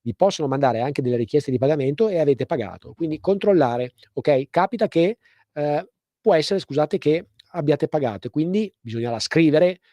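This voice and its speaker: A man hosting a live call-in radio show, explaining things informally with hesitant, pause-filled phrasing. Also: a little high, animated, mellow, no room sound. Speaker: radio host and legal advice presenter.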